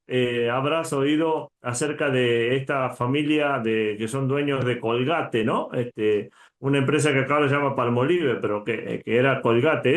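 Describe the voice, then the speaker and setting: An earnest man teaches from scripture in a conversational way, checking in with his listener as he goes. His voice sits in the middle range. The room around him rings with a noticeable echo. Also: medium pitch. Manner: earnest, frequent "¿verdad?" tags.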